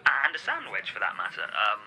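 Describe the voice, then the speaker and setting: An actor playing an awkward, earnest young date who stammers and rambles about golf. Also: male voice, fairly low pitch, huge pitch swings, fairly quick, sharp tone, heavily acted, low-quality recording. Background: game music.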